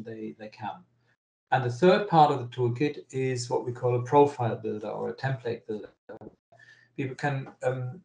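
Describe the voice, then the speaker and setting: A man's voice: medium pitch, darkish tone. Man with a metallic, echoey call voice. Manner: hesitant, many ums and restarts. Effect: strange metallic sound over an online call. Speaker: webinar presenter. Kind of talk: online presentation. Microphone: video call.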